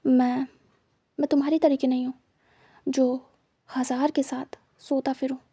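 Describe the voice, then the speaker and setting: A woman's voice: sits high, level tone, measured pace, warm tone, slightly rough, dry recording, clean studio sound, exaggerated voice. A woman doing a stern, scornful young man. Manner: cold, scornful, refusing. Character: stern, proud young man held captive.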